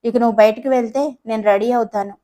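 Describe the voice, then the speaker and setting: A woman's voice: fairly high pitch, fairly even intonation, quick pace, dark tone, lightly acted. A woman voicing a shy young wife in a romantic audio story, pleading in mock annoyance. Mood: coy pleading.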